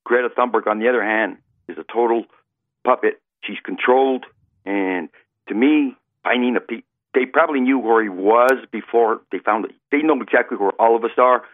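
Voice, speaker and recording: A man calling in to a talk show over a phone line, speaking in a nervous, halting way with frequent restarts. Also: medium pitch, dry recording. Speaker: caller. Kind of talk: call-in talk.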